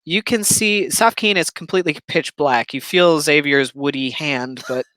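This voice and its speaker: A man narrating as game master of a tabletop game, halting now and then with fillers as he describes the scene. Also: fairly high pitch, no echo. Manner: relaxed, halting narration with many ums.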